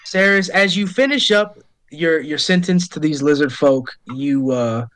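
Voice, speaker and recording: A man narrating as game master of a tabletop game, casual and quick to laugh. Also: fairly high pitch, a bit bright, rough recording. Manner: casual, laughing, self-correcting.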